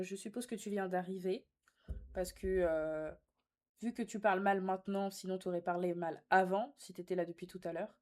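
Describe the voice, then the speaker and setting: Sassy and teasing, a young woman with a middling pitch talks casually to her live stream audience, full of slang, alternating between reading comments and answering them directly.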